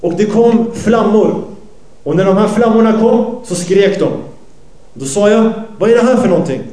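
A man's voice: high-pitched, dark tone, reverberant, rough recording. En man som återberättar en hadith i en predikan, översätter direkt och rättar sig själv medan han berättar. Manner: translating and retelling as he goes, self-correcting. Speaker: preacher. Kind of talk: sermon retelling a hadith.

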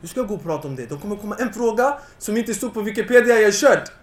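Young male lecturer, high-pitched, fervent, echoey hall sound. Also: animated. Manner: impassioned, rising to near-shouting. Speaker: Islamic lecturer. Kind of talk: Islamic lecture to young audience.

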